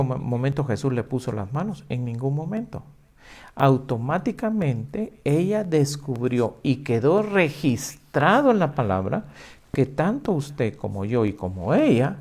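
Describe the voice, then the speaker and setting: A man's voice: mid-range voice, a little mellow. A male pastor preaching emphatically, asking the listener rhetorical questions and acting out their objections. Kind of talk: sermon.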